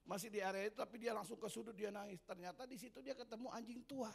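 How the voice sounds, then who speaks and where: A male pastor preaching and telling a story with lively delivery. His voice sits fairly high for a man. It is husky and gravelly. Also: quick pace. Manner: animated storytelling. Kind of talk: storytelling sermon.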